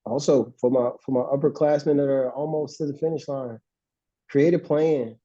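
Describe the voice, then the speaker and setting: Dark-voiced man giving earnest advice. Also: mid-range voice, fairly even intonation, normal speed, dry recording. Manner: earnest, repeats exhortations. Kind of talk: motivational advice to students. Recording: dull, dry, muffled mic.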